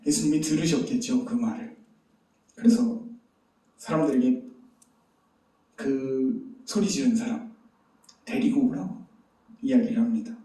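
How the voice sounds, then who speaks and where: A man's voice: mid-range voice, expressive, a little slow, pauses often, dark tone. A man preaching a sermon as pastor, telling a story and asking the listeners rhetorical questions. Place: church sanctuary. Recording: very echoey hall, distant mic.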